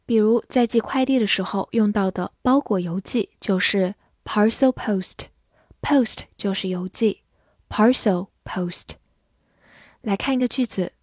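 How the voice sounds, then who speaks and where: A woman teaching vocabulary in an unhurried, measured voice. She spells words out letter by letter and reads example sentences slowly. The sound is close and dry, with no room around it. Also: medium pitch, darkish tone, dry recording. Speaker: English teacher. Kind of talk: vocabulary lesson.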